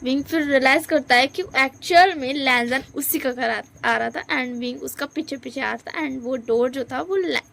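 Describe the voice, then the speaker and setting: A woman's voice: sits high, normal speed, gravelly, hardly any pauses, a bit bright. A woman casually retelling a fan story with many hesitant fillers.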